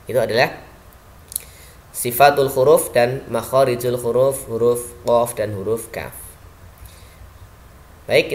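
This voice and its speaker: A man with an Indonesian accent teaching Quran recitation rules, slowly reciting verses and drilling single syllables for students to repeat. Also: medium pitch. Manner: slow, deliberate recitation of Arabic verses, then quicker explanations. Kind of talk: tajweed lesson with call-and-repeat drills.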